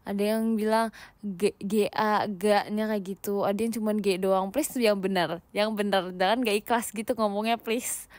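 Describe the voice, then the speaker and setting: A young Indonesian woman, an idol livestreamer, chats casually with viewers while lying down at home, playful and giggly, slipping English words into her speech. Her voice is medium-pitched and a little mellow, with fairly even intonation and a moderate pace, and the recording is dry.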